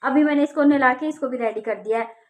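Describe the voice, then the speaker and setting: A woman's voice: high-pitched, fast, darkish tone, dull audio. A woman and mother chatting casually to her viewers in a family vlog, talking straight to the audience and sometimes scolding her child in exasperation. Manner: chatty, addresses viewers directly. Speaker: vlogger and mother.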